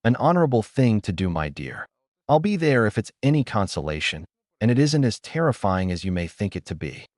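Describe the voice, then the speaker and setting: A man's voice: fairly low pitch, very animated, a little fast, dry recording, studio quality. A man voicing a kindly old grandfather. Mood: gentle. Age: older. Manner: gentle, reassuring.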